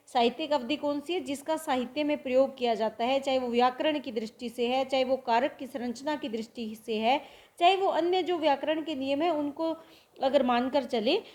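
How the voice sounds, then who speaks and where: High-pitched woman lecturing on language. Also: darkish tone. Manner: explanatory, repeats example words slowly and asks herself questions. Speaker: teacher. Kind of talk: Hindi literature lecture.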